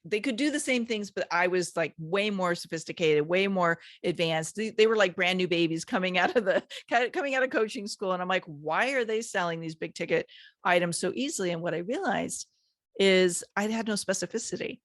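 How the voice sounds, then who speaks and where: A woman's voice: mid-range voice, brisk, no room sound, studio quality. A woman business coach talking as an interview guest, conversational and loose, with many "like" fillers. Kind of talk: casual interview chat.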